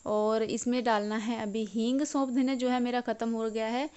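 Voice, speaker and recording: A woman's voice: fairly high pitch, fairly even intonation, moderate pace, darkish tone, clean tone. A woman narrating a cooking voice-over and explaining each step plainly. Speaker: cooking vlogger.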